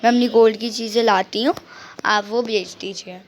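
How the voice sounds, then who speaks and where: High-voiced woman playing a poor mother. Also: steady tone, normal speed. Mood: firm. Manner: firm, comforting. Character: poor devoted mother and wife. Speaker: gaming channel host voicing a family. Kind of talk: game role-play.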